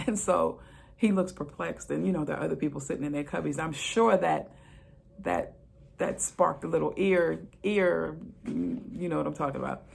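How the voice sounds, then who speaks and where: Low gravelly-voiced retired policewoman. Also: normal speed. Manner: conversational, repeats phrases for emphasis. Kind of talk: casual storytelling monologue.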